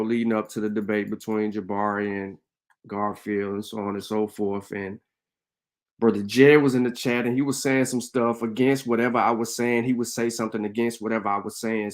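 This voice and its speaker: A man hosting his own channel, talking through a point in a casual commentary monologue, hesitant and full of fillers, then louder and higher when he stresses something. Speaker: channel host.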